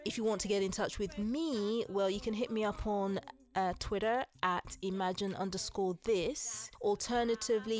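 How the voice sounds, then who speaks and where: A woman hosting a story podcast, wrapping up in a chatty, upbeat and informal way. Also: mid-range voice. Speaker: podcast host. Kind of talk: casual podcast sign-off.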